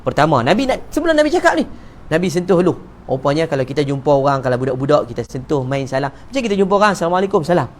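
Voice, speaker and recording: Malaysian man, Malay accent, fairly high voice, lively joking religious talk full of acted-out exchanges. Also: very fast, slight background noise. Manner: lively, joking, acts out little dialogues. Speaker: religious teacher. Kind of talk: evening mosque talk. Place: neighbourhood prayer hall.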